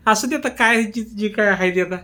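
A man's voice: sits high, moderate pace, pushed and bright. A man playing a husband in a comic skit, pleading and laughing as he talks. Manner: giggly, pleading, keeps laughing while denying it. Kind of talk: comic sketch acting.

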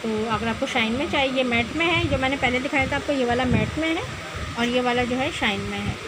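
A woman's voice: sits high, a little fast. A woman filming a shopping vlog in a mall cosmetics shop, chatting to the camera and repeating prices and product details. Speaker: vlogger and channel host. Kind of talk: handheld shopping vlog chat. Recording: loud mall background noise.

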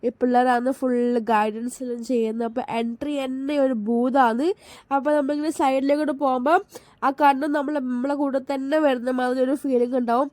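Chatty high-voiced Malayali woman vlogger. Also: little pitch movement, a little fast, a little mellow, no room sound. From Kerala. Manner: chatty and enthusiastic, with frequent restarts. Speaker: family vlogger. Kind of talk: casual voice-over narration.

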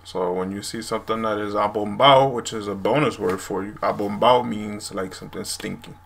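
A man in his twenties hosts a language video, casually explaining words to the camera in a small room at home. His lowish, creaky voice moves fairly quickly with fairly even intonation over noisy room sound.

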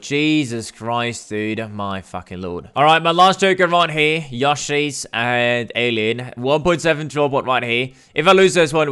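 Excitable young gaming commentator, man. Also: medium pitch, smooth. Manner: excitable, swears, slangy, swings from hype to groans. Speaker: gaming YouTuber. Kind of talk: gameplay commentary.

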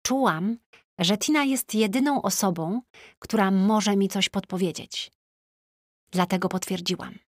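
A woman narrating an audiobook in the first person, in a chatty, lively tone like a teenager's diary. Her voice sits at a middle pitch. She is recorded on a close, dry studio mic with no room sound. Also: unhurried, dry recording.

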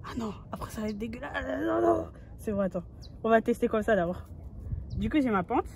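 Speaking briskly and expressively in a slightly high, creaky, somewhat mellow voice, a young travel vlogger chats playfully to her phone at arm's length. She's outdoors in nature, and there's a little hiss or hum on the recording.

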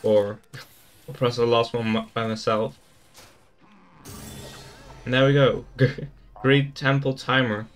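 A man's voice: mid-range voice, level tone, slow, long pauses, soft background music. A man giving casual gameplay commentary, thinking aloud in an easygoing way as he explores a game. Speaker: gaming YouTuber.

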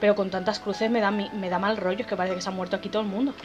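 A young woman from Spain with a Spanish accent, chatting and joking as she plays a game, slightly hoarse from straining her voice. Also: medium pitch, flat delivery, racing, lo-fi sound. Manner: chatty, joking, swears casually. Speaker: gamer. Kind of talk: let's play commentary. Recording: voice over game music.

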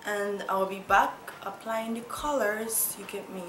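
A woman's voice: mid-range voice, fairly even intonation, unhurried, heavy background noise. Chatty giggly woman vlogging. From Nigeria. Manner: chatty, giggly, self-teasing. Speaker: beauty vlogger. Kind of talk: makeup tutorial vlog. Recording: roomy echo, faint music.

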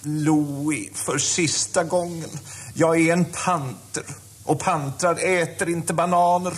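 A man's voice: very deep voice, flat delivery, husky, heavily acted. An actor voicing a stern, dignified male panther in a dubbed audio drama, speaking in a clipped, firm way.

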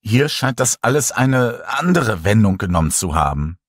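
Brief: a man reading an earnest woman scientist in an audiobook horror story, calm and explanatory, low husky tone. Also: normal speed, dry recording, studio quality. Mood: earnest, puzzled. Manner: thoughtful, explaining calmly.

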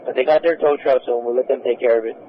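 Man on dull police radio, medium pitch. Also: steady tone, fast talker, a little hiss or hum. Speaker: police officer calling in. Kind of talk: informal police radio report.

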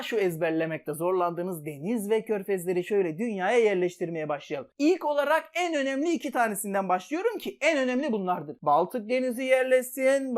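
A woman teaching an exam-prep geography lesson, playful and talking straight to her students as she walks through memory tricks. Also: fairly high pitch. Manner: lively, playful, addresses students directly.

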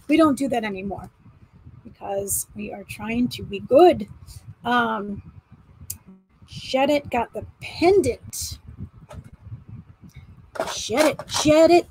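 High, husky-voiced chatty woman auctioneer. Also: low-quality recording. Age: 40s. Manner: chatty, laughs often, greets viewers by name. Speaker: live online auction host. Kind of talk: casual live-stream selling chat.

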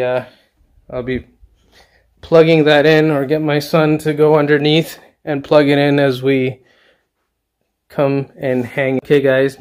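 A man's voice: a little high, darkish tone. A middle-aged man giving a casual, enthusiastic walkthrough of his basement home theater, with lots of fillers and restarts, recorded on a handheld camera. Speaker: home theater hobbyist vlogger. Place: dark basement home theater room, indoors.

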